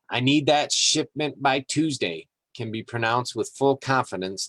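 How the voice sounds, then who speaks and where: A man hosting a podcast in a relaxed, rambling way, reading passages aloud and chatting about them with fillers and small chuckles. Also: medium pitch, no echo, poor audio. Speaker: podcast host. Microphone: live-streamed podcast mic.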